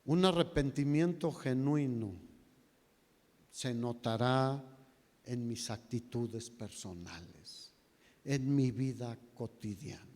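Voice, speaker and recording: Mexican pastor preaching in a reverberant hall. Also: male voice, mid-range voice, takes it slowly, darkish tone. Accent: Mexican Spanish. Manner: dramatic storytelling, voice rising and dropping to near whispers. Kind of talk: sermon. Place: church hall.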